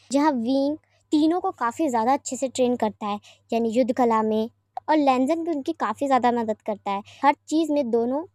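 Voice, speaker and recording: A woman narrates a story in a plain, casual retelling style. Her voice is high, and the sound is dry and close. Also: warm tone, no echo. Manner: plain retelling, linking scenes.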